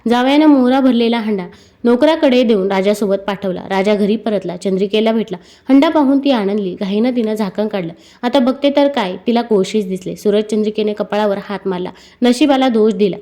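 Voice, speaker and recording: A woman reading a devotional story aloud, with a rhythmic, measured recitation. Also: mid-range voice, dark tone.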